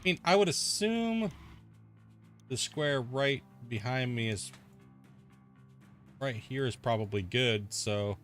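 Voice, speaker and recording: This man's mid-range voice comes slowly, with long pauses, as he streams a mining game and offers loose, rambling commentary. He's laid-back, says "like" and "dude" constantly, and complains of an itchy sunburn, with faint music playing behind him.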